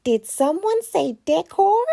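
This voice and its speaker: A woman voicing a cheerful, friendly boy pumpkin in a children's storybook, with a bright and eager manner. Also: very high-pitched, big pitch swings, takes it slowly, creaky, pitched above the performer's own voice, heavily acted.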